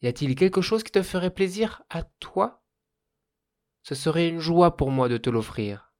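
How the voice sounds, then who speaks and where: A man's voice: fairly high pitch, animated, normal speed, a little mellow, voice pushed up. A man voicing a small, moody fire spirit who grumbles at first and later bursts with childish joy. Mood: gracious.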